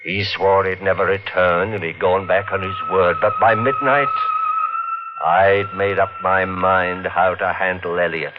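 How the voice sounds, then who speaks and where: Over loud music, a deep male voice speaks in a level tone without hurrying. He's an actor in a 1950s radio drama, playing a cold, scheming husband who narrates his crime in a hard, curt, sardonic manner, and the old recording is dull.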